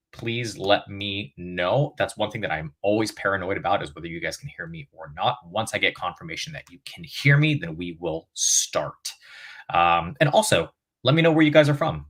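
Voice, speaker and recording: A man's voice: low voice, fairly bright tone, breathy edge. A young man livestreaming relationship advice from his bedroom, chatty and upbeat with frequent fillers. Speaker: relationship coach.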